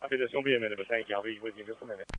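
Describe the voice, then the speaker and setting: Man, urgent firefighter radio, fire commander, fast orders, commanding, tinny narrowband transmission. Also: on the low side, fairly even intonation, heavy background noise. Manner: commanding, directive. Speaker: battalion chief commanding a fire scene.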